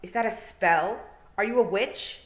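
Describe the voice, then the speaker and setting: A woman's voice: medium pitch, a little slow, roomy sound, pitched above the performer's own voice, lightly acted. Woman doing a haughty, spoiled young baron's son. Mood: suspicious. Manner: commanding, imperious.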